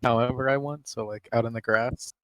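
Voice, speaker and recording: A man's voice: mid-range voice, steady tone, a little fast, dry recording. A man chatting casually as a player in a tabletop game, wry and prone to swearing.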